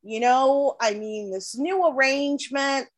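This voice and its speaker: A woman's voice: high voice, measured pace. A woman playing an eager female beauty shop receptionist in an improvised comedy scene, sweet and earnest.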